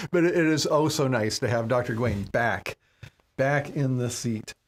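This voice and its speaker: Male host, live talk show, rambling, mid-pitch. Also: slow pace, slight background noise. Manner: rambling, repeats words.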